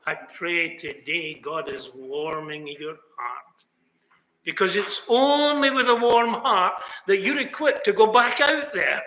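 An older British man delivers an earnest sermon indoors in a chapel hall, breaking into exclamations from time to time. His fairly high voice is bright and forceful, with a little hiss or hum on the track. The echoey room is captured by a fixed camera in a seated mid shot.

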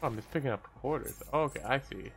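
A man's voice: medium pitch, expressive, fast, a little hiss or hum. A man giving casual, offhand let's play commentary in short remarks as he plays. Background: game music.

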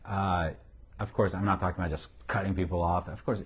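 His voice is low and steady, fairly quick, with a breathy edge: a middle-aged pastor with a Syrian accent, talking about ministry from a couch in an indoor office. Recorded on a lapel mic, he speaks casually and emphatically, hammering key phrases and chuckling.

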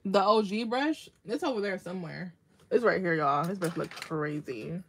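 A woman's voice: fairly low pitch, animated, moderate pace, a bit bright, a little hiss or hum. Chatty woman hosting a nail livestream. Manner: chatty, answers viewers by name, laughs often. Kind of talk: casual livestream tutorial chat.

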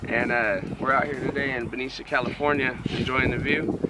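Young man, relaxed and halting, outdoors, loud background noise. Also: mid-range voice. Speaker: guest. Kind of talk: casual greeting to camera.

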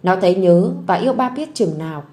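A woman narrating a story audiobook in a gentle, soft storytelling voice. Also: fairly low pitch, animated, brisk.

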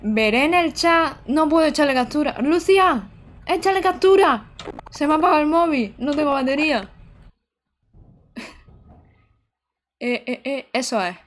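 A young woman from Almería, streaming a game live and chatting excitedly with her viewers. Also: high-pitched, moderate pace, pauses often. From Almería, Andalusia, Spain. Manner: chatty and excitable, talks to chat, exclaims often. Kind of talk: live-streamed gameplay commentary.

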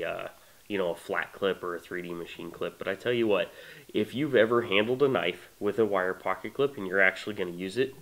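In a small room indoors, a knife maker in his thirties shows off a blade he crafted, chatting casually and eagerly to the camera. His lowish voice sounds stuffy from a cold, the audio is poor, and his speech is full of fillers like "uh" and "you know."

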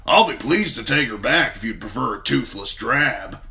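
A man's voice: medium pitch, expressive, moderate pace, gravelly, bright, forceful tone, voice pushed up. A man voicing a tough, insolent male sellsword with a blunt manner. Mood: mocking.

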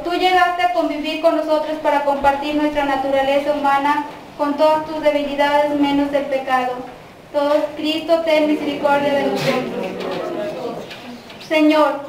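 A Mexican woman leading the prayers and readings at a mass, reciting in a measured, even way in a church. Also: high-pitched. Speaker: prayer leader at a quinceañera mass. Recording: echoey church from far off, faint noise.

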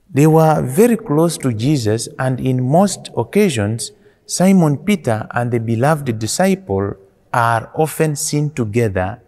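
In a small church, a man in his forties, a priest, gives a slow, deliberate homily with emphasis that rises and falls. He has a mid-range voice and a darkish tone, and the sound carries a long reverb tail.

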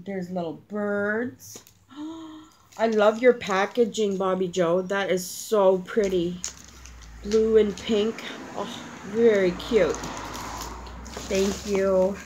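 A middle-aged woman chatting casually at home as she unboxes crafts with a child, coaxing gently and gushing over every detail. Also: mid-range voice, takes it slowly, long pauses. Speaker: crafting channel host. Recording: clear background noise.

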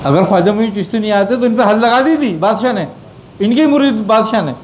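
A man's voice: sits high, animated, slight background noise. A man from Pakistan giving religious teaching to a gathering, answering questions and often asking whether his point was understood. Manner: checks understanding with rhetorical questions. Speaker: spiritual teacher.

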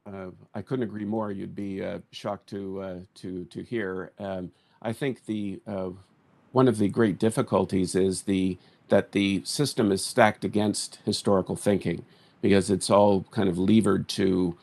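Middle-aged male conference moderator, gravelly, halting delivery, video-call sound. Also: deep voice, steady tone, a little mellow. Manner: halting, many filler words and restarts. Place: home study with bookshelves. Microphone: video call with earphone mic.

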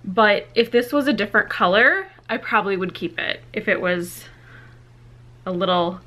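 A young woman casually vlogs a closet clean-out from a small walk-in closet, talking to a camera on a tripod a few feet away. Her medium-pitched voice is animated, bright and pushed, at a moderate pace. She's chatty and candid, filling her speech with lots of "like" and "you know."

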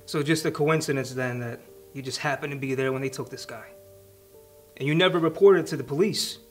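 A man plays a tough cop in a screen drama, a detective questioning a witness. He is sardonic, blunt and probing, at a medium pitch, with music underneath. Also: brisk, natural voice. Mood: hard, accusing. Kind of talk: naturalistic screen acting, interrogation scene.

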